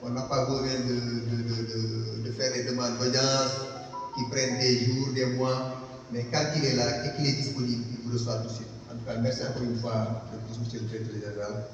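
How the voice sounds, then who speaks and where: A man giving a formal thank-you speech at an exhibition opening, halting with many fillers and restarts. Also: mid-range voice, little pitch movement, soft background music. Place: large hall at an art gallery. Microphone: far camera. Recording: echoey hall from far off, dull, noisy.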